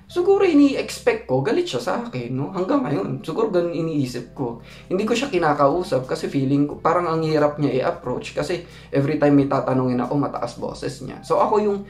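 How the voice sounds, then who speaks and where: A man's voice: lively intonation, brisk, roomy sound. A man from the Philippines telling a personal story in a casual vlog, often checking in with the viewer. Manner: chatty, often asks "no?" to the viewer; rises high when acting out his own thoughts. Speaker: vlogger.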